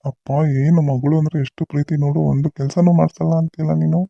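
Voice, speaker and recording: A man's voice: fairly high pitch, little pitch movement, quick pace, gravelly, no room sound, lo-fi sound. A man playing an easygoing village father who sounds weary and grumbles at his wife in a family skit. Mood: grumbling.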